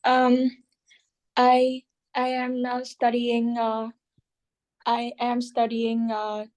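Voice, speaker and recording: Hesitant woman student, slow and halting. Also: fairly high pitch, monotone, a little mellow. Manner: hesitant, many ums and uhs, searching for words. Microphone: video call.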